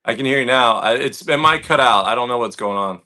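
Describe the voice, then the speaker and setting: A man's voice: medium pitch, fast, sharp tone, no echo. A man calling in as a remote guest, his audio cutting in and out with dropouts while he sounds confused and apologizes for the bad connection.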